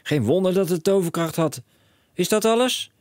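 Storybook dad voiced by a man: high, yelling, manic, lively swings, dry close sound. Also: normal speed, no room sound. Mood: overexcited. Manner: shouting, breathless overexcited rants. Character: excitable bellowing middle-aged father, inventor-mad. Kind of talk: audiobook character voice.

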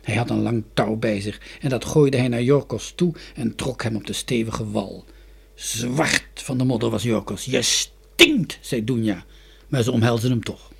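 A man reading a children's story aloud in an expressive, dramatic way. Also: medium pitch, normal speed, creaky, husky. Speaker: narrator.

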